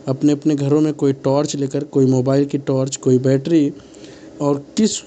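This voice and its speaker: A man's voice: medium pitch, level tone, moderate pace, dark tone, slight background noise. A man narrating a true crime story in a loose, unscripted way, often restarting his sentences.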